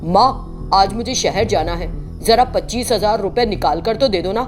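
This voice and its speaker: A woman's voice: medium pitch, moderate pace, music in the background, lightly acted. Woman voicing a bullying harsh husband. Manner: threatening, barking orders.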